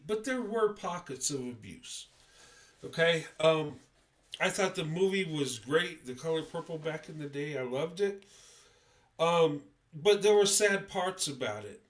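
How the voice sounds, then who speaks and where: A man with a slightly high, somewhat bright voice hosts a casual livestream while congested and stuffy. He speaks hesitantly and rambles, frequently using fillers and starting sentences over.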